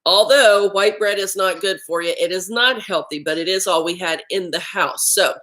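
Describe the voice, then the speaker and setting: A woman's voice: mid-range voice, moderate pace, fairly bright tone, poor audio. A woman hosting a casual live-stream chat about healthy eating, talking while she eats lunch at home. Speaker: health vlog host.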